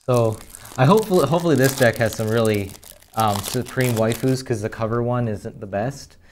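A young man talks casually at a table as he opens trading cards. His voice sits at a middle pitch, and his speech is slangy, slowing and halting over names. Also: a little hiss or hum. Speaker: card box opening host. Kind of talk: casual chat while opening trading cards. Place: indoors at a tabletop.

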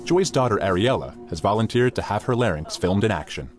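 A man's voice: on the low side, animated, fairly quick, music in the background. A man reading scripted nature documentary narration.

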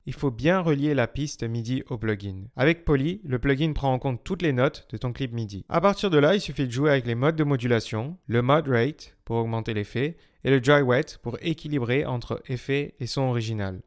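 A man's voice: mid-range voice, moderate pace, hardly any pauses. A man narrating a music production tutorial in a scripted style.

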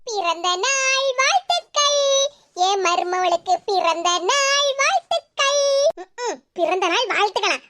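A doting older mother-in-law with a very high, bright voice and a Tirunelveli Tamil accent, as a woman puts her on. She fusses sweetly and chuckles in cartoon style. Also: animated, a little fast, slight background noise, full character voice. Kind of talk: cartoon voice acting.

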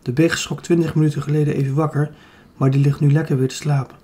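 A man voicing a cool-headed, teasing young woman in an audiobook, speaking softly and dryly. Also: fairly high pitch, little pitch movement, fast, close to an everyday voice. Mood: teasing, firm.

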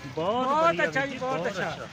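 A man's voice: very high voice, sing-song, unhurried. A man with a Punjabi accent making casual chat as a travel companion. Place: outdoors in a snowy valley. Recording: busy outdoor crowd and vehicle noise.

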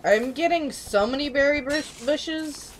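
A woman's voice: high-pitched, measured pace, a little hiss or hum. Giggly young woman hosting a game. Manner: giggly, swears freely. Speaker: let's play host. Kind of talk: casual gaming chat.

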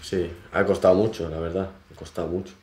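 A man in his twenties, a barber, chatting casually while shaving a client in his small shop, in short relaxed phrases. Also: deep voice, fairly quick. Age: 20s. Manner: relaxed, modest, talks in short trailing phrases. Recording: roomy shop echo, faint noise.

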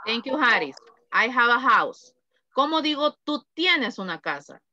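A woman's voice: fairly high pitch, very animated, measured pace, pushed and bright, dry recording. A woman teaching an online English class, prompting students with questions. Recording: dull lo-fi audio.

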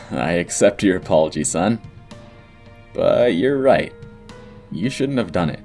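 Man as a lowish-voiced, mild father. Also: lively intonation, a little slow, a little mellow, soft background music. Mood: forgiving. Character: forgiving, mild middle-aged father. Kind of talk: comic dub voice acting.

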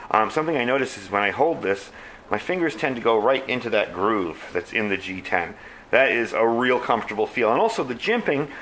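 A man's voice: mid-range voice, fairly bright tone, a little hiss or hum. A man casually reviewing folding knives in an easygoing, plainspoken way, with frequent fillers. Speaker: knife reviewer.

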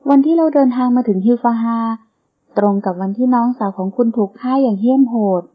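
A woman's voice: a little high, quick pace, natural voice. A woman reading the part of a young heroine who has lost her memory in an audiobook novel, earnest and questioning. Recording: tinny phone-like sound.

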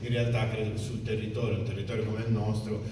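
A man's voice: fairly low pitch, little pitch movement, fast, background noise. A man who is a local official, giving a speech at a press event, hesitant, with many fillers and restarts. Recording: echoey hall, mic from far off.

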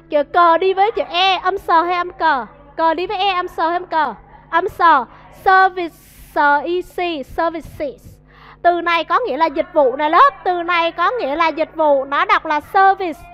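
A woman's voice: very high voice, a bit bright. A woman with a Vietnamese accent teaching an English vocabulary lesson to a class, coaxing answers and drilling pronunciation. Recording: dull lo-fi audio.

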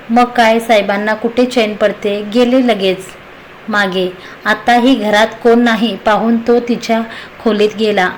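A woman's voice: medium pitch, a little hiss or hum, low-quality recording. Woman reading a story aloud. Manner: steady, even reading aloud. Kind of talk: scripted story narration.

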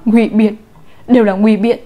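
A woman voicing a volatile young mother, talking through tears with shrill, accusing sobs. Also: fairly even intonation, normal speed, dark tone, close to an everyday voice. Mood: hysterical.

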